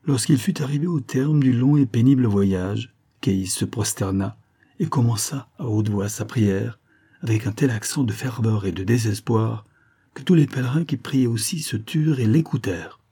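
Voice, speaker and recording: A man reading a literary tale aloud in a measured audiobook style. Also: medium pitch, dark tone, slightly rough. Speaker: narrator.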